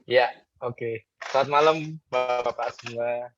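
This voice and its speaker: A man's voice: medium pitch, level tone, takes it slowly, fairly bright tone. A man casually explaining a group ice breaker on a video call, chanting the lyrics as he demonstrates. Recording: dull lo-fi video call audio.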